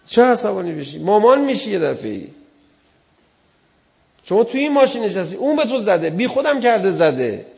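High-voiced preacher man with a gravelly edge. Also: a little mellow, big-room sound. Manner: earnest, conversational, acts out quoted people. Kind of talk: religious sermon.

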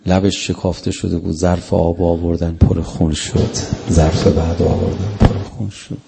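A man's voice: low-pitched, little pitch movement, creaky, mellow, a little hiss or hum. A male preacher delivering a mourning sermon, telling the story with emotion and acting out the quotes.

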